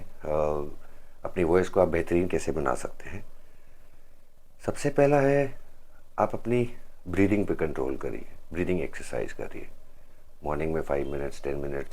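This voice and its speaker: A man with a very deep voice explains voice modulation to would-be voice artists. He talks in an instructive vlog manner and switches into English phrases. He stresses chosen words whenever he demonstrates a line. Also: darkish tone. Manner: mixes English phrases into Hindi, demonstrates lines with emphasis. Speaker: voice-over coach.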